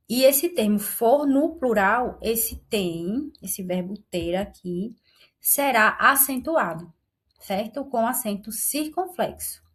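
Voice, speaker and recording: Slow, patient teacher woman. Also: on the high side. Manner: patient, explanatory, often checks in with "né?". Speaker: Portuguese grammar teacher. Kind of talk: online grammar lesson.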